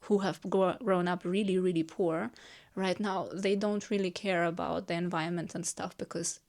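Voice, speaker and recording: Her voice sits on the low side, a little mellow, with a steady tone and moderate pace. In this casual chat among friends, she offers feedback, reassures them, and goes on explaining at length, leaning heavily on "like" as a filler.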